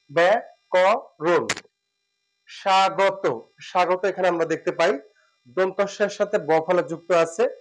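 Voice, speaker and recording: Male teacher, high register, patient drill-style delivery with hesitant fillers, light mains hum. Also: rough recording. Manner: slow, drawn-out repetition of words and sounds, with hesitant fillers. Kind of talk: spoken pronunciation lesson.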